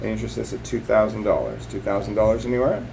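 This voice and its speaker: Low-pitched male auctioneer calling bids. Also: animated, racing, gravelly, a little mellow, a little hiss or hum, poor audio. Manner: repetitive, clipped bid-calling patter.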